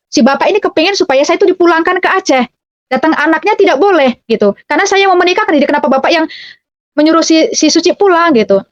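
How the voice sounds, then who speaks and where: A woman's voice: high-pitched, dry recording. A woman telling her personal faith testimony in a chatty way, tagging phrases with a casual filler and calling her listeners dear brothers and sisters. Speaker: testimony speaker. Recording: dull, muffled dry recording.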